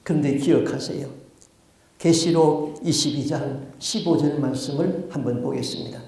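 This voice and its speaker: A man's voice: on the high side, moderate pace, creaky, mellow. Male pastor giving a sermon, storytelling, asking the room questions, super echoey church. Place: church sanctuary.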